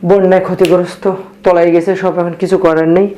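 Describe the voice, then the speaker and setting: A man teaching arithmetic to young children, speaking softly and patiently, counting steps aloud and quizzing his students, with a Bangladeshi Bengali accent. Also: sits high, flat delivery, fast. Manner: speaking softly on purpose late at night. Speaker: math teacher. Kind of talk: math lesson for young children.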